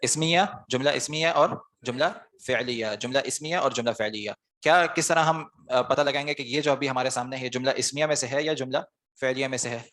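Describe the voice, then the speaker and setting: A man's voice: mid-range voice, a bit bright. A man teaching an online Arabic grammar class, explaining step by step and putting questions to the students before answering them himself.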